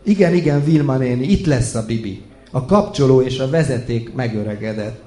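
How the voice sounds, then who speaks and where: A man's voice: medium pitch, lightly acted. A man voicing a rowdy tipsy handyman. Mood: boisterous. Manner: loud, excited shouting. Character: tipsy, boastful man fixing wiring. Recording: echoey room.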